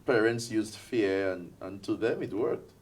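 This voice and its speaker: A male talk show host who cuts in with short remarks of agreement. His voice is low and husky. He sits some distance from the microphone. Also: unhurried. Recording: distant from the mic.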